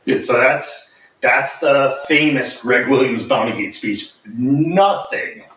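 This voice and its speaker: A man's voice: mid-range voice, slow pace, fairly bright tone, distant mic. Blunt man talking football in echoey room. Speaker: podcast host, former football player. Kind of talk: casual conversational commentary. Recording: echoey room, off mic, faint noise.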